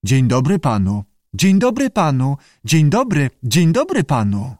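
A man voicing a curious, childlike talking salamander with a croaky voice that eagerly parrots human phrases. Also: medium pitch, wildly swooping pitch, measured pace, darkish tone, no room sound, clean studio sound, pitched above the performer's own voice. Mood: polite.

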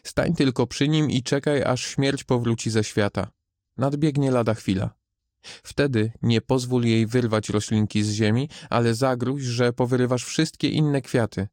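A man's voice: medium pitch, fairly even intonation, unhurried, a little mellow, dry recording, clean studio sound, lightly acted. A man voicing an old woman who gives urgent advice, reading a storybook. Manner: urgent, instructive.

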